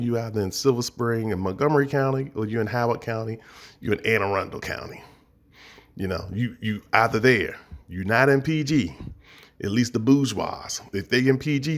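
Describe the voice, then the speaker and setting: Gravelly dc guy rambling thru a story, slangy and easygoing, regular pitch. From Washington, D.C. area. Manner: laid-back, rambling, slangy. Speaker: podcast host. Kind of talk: casual storytelling monologue.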